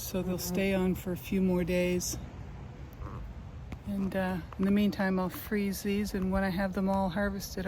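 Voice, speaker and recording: A woman's voice: fairly low pitch, darkish tone, poor audio. A middle-aged woman in a casual, folksy video diary, talking plainly through everyday chores as if to family. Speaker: home vlogger. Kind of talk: casual chatty video diary addressed to their father. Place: outdoors in a garden, later indoors at home. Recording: clear ambient background noise.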